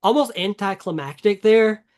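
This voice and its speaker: A man's voice: high voice, normal speed, a little mellow. A man co-hosting a casual gaming podcast, talking in an enthusiastic, rambling way with many fillers and restarts. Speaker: podcast co-host.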